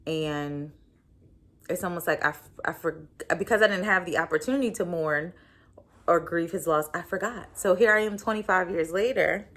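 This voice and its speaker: A woman's voice: fairly low pitch, normal speed, fairly bright tone. Candid woman telling a personal story. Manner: candid, reflective, with frequent "like" and "um". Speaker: podcast host.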